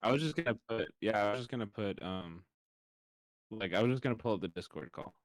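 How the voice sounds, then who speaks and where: A man's voice: lowish voice, expressive, brisk, dry recording. A man co-hosting a livestream as a fellow streamer, talking in a loose, joking, chatty way. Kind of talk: casual livestream chat.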